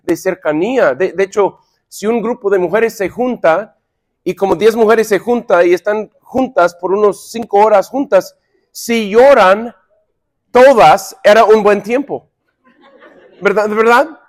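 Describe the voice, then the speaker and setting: A middle-aged man leading a sermon-style Bible lesson for married men, halting with fillers and repeated words, and playfully acting out little quips. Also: high-pitched. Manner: playful, acts out quips for laughs. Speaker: pastor leading a men's Bible study.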